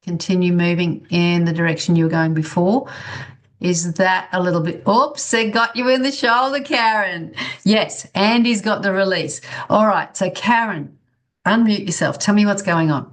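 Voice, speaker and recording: A woman with a slightly low voice teaches a bodywork class online. She guides simple exercises in an informal, conversational way, encouraging participants as she checks how they are doing. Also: normal speed. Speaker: workshop instructor in bodywork. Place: online video-call class.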